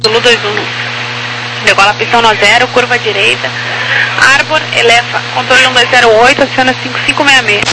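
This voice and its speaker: A man's voice: extremely high pitch, steady tone, fairly quick. A Brazilian man working as an air traffic controller, giving clipped instructions over a crackly military-style radio. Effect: crackly radio transmission. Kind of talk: clipped aviation radio phraseology. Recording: crackly, noisy aviation radio with hum.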